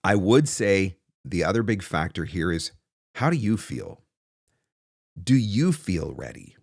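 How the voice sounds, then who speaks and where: A voice-over coach in his forties hosts a casual advice livestream from a small indoor home studio, answering viewer questions close on a desk mic on a stand. His low voice is unhurried with big pitch swings and vocal fry, with no echo. He's conversational and emphatic, repeating phrases for stress.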